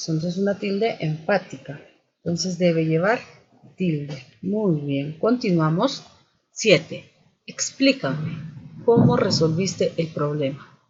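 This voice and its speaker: Guy teacher going over spelling drills real slow, husky voice, kinda muffled lo-fi audio. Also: high-pitched. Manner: methodical, repeats "continuamos" and "muy bien". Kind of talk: spelling and accent lesson for students. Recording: dull lo-fi sound.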